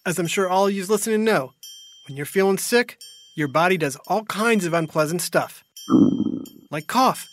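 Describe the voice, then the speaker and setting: Animated woman narrating kids' science show. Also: fairly low pitch, normal speed, slight background noise. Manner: playful, theatrical. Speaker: host and narrator. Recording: music behind.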